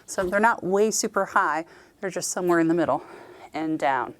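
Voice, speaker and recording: A woman's voice: on the low side, normal speed. A woman Pilates instructor leading a guided workout, cueing movements and counting down reps while she exercises along.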